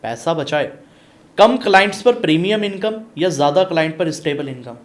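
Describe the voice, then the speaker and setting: A man hosting a business podcast, asking quick-fire questions and answering with short affirmations. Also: on the high side, lively intonation. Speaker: podcast host, business coach.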